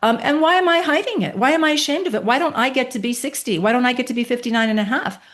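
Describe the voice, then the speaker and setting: A woman in her late fifties, a podcast guest telling a personal story with emphatic, animated delivery and rhetorical questions. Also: high-pitched, fast. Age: 50s.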